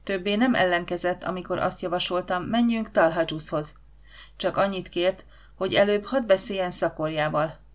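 A woman narrating an adventure audiobook with steady, dramatic storytelling. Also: lowish voice.

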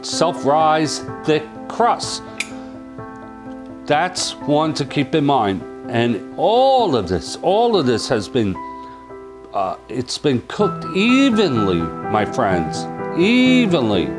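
An exuberant, chatty man with a lively pitch reviews cooking appliances in a casual style. He keeps calling his viewers "my friends" and "baby."

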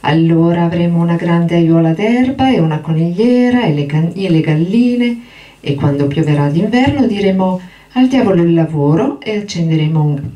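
A woman voicing a weary, patient itinerant ranch worker who tells a story in a steady, soothing way, in a dramatic reading of a novel. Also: fairly low pitch, recorded from a distance, close to an everyday voice. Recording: roomy hall, voice from afar.

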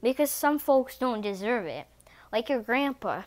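A woman's voice: on the high side, lively intonation, measured pace, dry recording. A woman voicing a grumpy, bitter cat father who scolds in a sour way in a read-aloud storybook.

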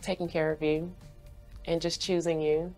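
Soft background music plays as a young woman from Haiti, raised in Florida, appears as a guest brand ambassador in an indoor studio, laughing often and answering interview questions in a bubbly way. Her voice itself is low and dark, delivered flatly at normal speed.

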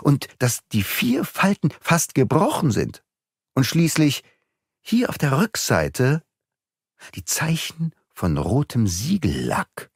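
An earnest, thoughtful young sleuth from an audiobook, voiced by a male reader. His questions rise in lively swings of pitch. The sound is close and dry. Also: takes it slowly, breathy edge, no room sound, exaggerated voice. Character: young, clever male amateur detective, earnest.

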